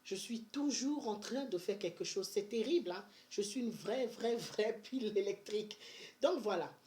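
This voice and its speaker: A woman's voice: medium pitch, normal speed. Chatty woman vlogger. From Benin. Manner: chatty and energetic, with many fillers and restarts. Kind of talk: casual money-saving advice vlog.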